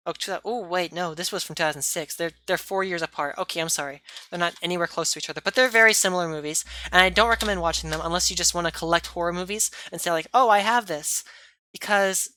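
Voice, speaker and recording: A woman talks through a horror film review in a loose, rambling way, catching her own mistakes and apologizing as she goes. Her voice is bright and a little sharp. The sound is close and dry. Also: fairly low pitch, fast talker, no room sound. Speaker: movie reviewer. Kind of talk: casual movie review chat.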